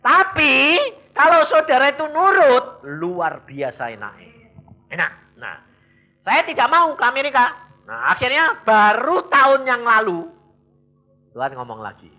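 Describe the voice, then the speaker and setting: A man preaching a sermon, telling a story with animated delivery, acting out the dialogue and chuckling as he goes. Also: extremely high pitch, measured pace. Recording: dull lo-fi recording.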